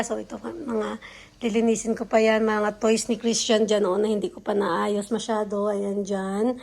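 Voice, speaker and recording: A young woman, chatting casually to her viewers at home in a vlog, cooing now and then at her baby. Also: a little high. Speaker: vlogger, mother.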